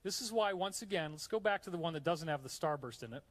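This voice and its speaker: Fairly high in pitch, expressive and quick, a man from New York lectures live with slides in a hot room. The conference speaker is enthusiastic, filling the gaps between points with chatty comments to the audience.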